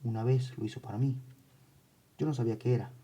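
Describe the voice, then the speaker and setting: A man's voice: mid-range voice, steady tone, fast, mellow, lightly acted. A man voicing a hypnotized little girl. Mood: haunted insistent. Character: young girl under hypnosis, dreamy and eerie.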